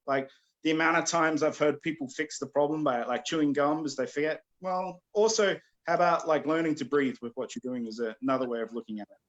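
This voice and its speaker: Rambling, slightly high-voiced man teaching. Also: fairly bright tone. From Australia or New Zealand. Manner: rambling, many "like" fillers, frequent throat clearing. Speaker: combat instructor. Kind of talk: casual virtual class talk. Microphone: video call.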